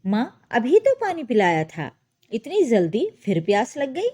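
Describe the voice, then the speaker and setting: A short-tempered adult son, as a woman storyteller puts him on, with a brusque, scolding delivery. The voice sits high and swings widely in pitch, and the words come slowly. The tone stays dark and mellow. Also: huge pitch swings, breathy edge, heavily acted. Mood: irritated.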